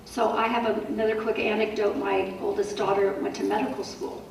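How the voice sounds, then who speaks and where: A middle-aged woman giving a wellness talk to a support group, telling stories in a lively way with animated asides. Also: medium pitch, brisk, vocal fry. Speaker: wellness speaker. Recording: roomy hall, voice from far off, faint noise.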